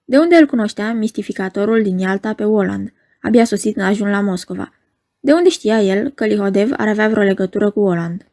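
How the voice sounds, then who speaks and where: A woman narrating a novel in a measured storytelling manner. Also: medium pitch, dark tone. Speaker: audiobook narrator. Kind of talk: novel reading.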